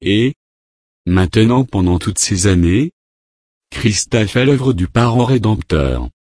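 A man preaching a sermon, reading numbered Bible verses aloud and commenting on each in a measured way. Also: fairly low pitch, expressive, a little mellow, no room sound, studio quality.

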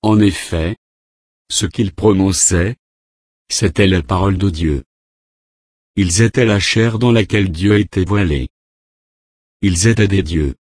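A man preaching a Bible-study sermon, reading scripture verses and repeating divine names in a steady, measured cadence. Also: low-pitched, no echo, studio quality.

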